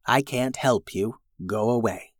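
A grumpy female crystal dragon, grumbling low and quiet, irritated by visitors and eyeing the horses as snacks, as a storyteller puts her on. The voice sits close and dry, with no room around it. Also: measured pace, no room sound, lightly acted.

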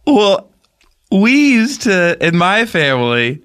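Deadpan man co-hosting a comedy podcast. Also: high-pitched, takes it slowly, smooth. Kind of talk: improvised comedy banter.

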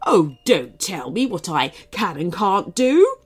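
A woman voicing a rude, bad-tempered male cupcake in a storybook, snapping slowly and scornfully. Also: a little high, wildly swooping pitch, heavily acted.

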